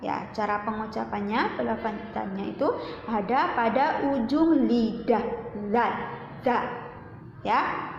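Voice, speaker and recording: A woman religious teacher giving a slow, patient Quran recitation lesson to children, repeating sounds as drills. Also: fairly high pitch, gravelly. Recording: roomy echo, dull lo-fi sound.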